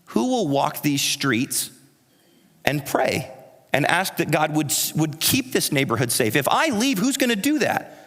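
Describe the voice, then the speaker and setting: A preacher voicing a quiet, devoted old neighbor. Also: male voice, on the high side, sing-song, unhurried, exaggerated voice. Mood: heartfelt. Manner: soft, heartfelt, searching questions. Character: retired firefighter neighbor, older man, quietly devoted. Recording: reverberant church hall.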